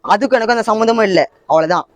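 A man's voice: high voice, rapid-fire, no echo, natural voice. A young man playing a boyfriend forced to choose between his girlfriend and his sister, who answers tersely and defensively. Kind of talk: amateur skit acting.

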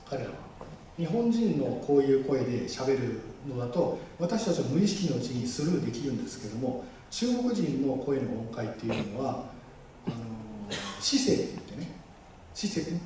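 Man, rally speaker, quick and lively with a raised pitch, heard from a distant mic in a booming hall. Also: a little hiss or hum. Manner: animated, jokey, acts out quoted voices. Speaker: guest speaker at a campaign rally. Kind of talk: public speech to a live audience. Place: large public hall. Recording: echoey hall, mic far off.

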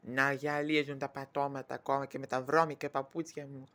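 A performer voicing a stingy, stern old father in a Greek shadow-puppet play, lecturing slowly. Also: medium pitch, little pitch movement, a bit bright, close to an everyday voice. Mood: gloating.

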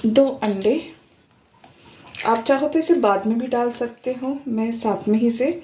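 A woman hosting a home cooking tutorial, calmly explaining each step as she goes. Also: on the high side, a little slow, slight background noise. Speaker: cooking channel host. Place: home kitchen.

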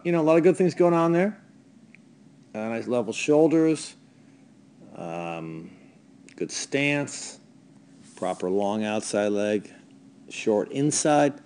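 In a voice-over played over video, a man with a mid-range voice coaches a young ski racer, talking in a relaxed, hesitant manner full of fillers.

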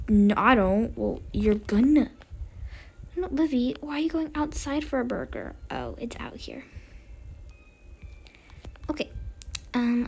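Chatty woman gamer narrating roblox roleplay, high voice, playful, little whispered asides. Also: gravelly, breathy edge. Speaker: gaming channel host. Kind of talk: Roblox role-play commentary.

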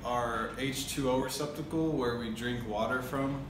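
A man's voice: medium pitch, moderate pace. Hesitant young man touring his echoey house. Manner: hesitant, many ums, deadpan dry humor. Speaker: vlogger giving a house tour. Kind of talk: casual house tour narration. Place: indoor shared house, tiled rooms. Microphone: handheld phone camera. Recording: echoey room with household noise.

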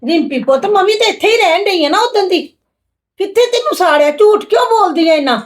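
A woman's voice: extremely high pitch, expressive, brisk. A woman playing an indignant wailing in-law. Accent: Punjabi. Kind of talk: amateur family drama acting.

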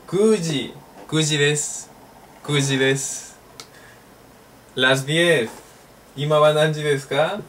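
A man teaching a recorded language lesson, drilling phrases slowly and joking as he goes. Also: fairly high pitch, level tone, a bit bright. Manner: slow, repeats drill phrases, jokes and laughs. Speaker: Japanese teacher. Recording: distant mic with faint noise.

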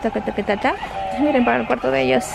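Over background music and store noise, a young female vlogger films herself shopping in a large indoor store, casually addressing her viewers and her children. She speaks quickly in a creaky, fairly high voice with a steady tone.

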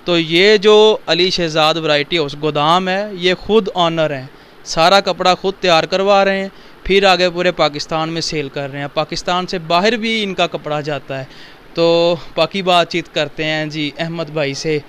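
Holding a handheld mic inside a small cloth warehouse, a man from Pakistan questions a young shop owner in a brisk, upbeat, promotional style. His voice is a little high and fairly bright with fairly even intonation, and a bit of hiss or hum sits in the recording.

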